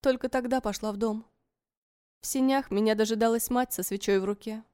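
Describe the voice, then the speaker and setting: A woman narrating a story in the first person, in a soft, measured and wistful way. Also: fairly high pitch, fairly even intonation, smooth, no room sound.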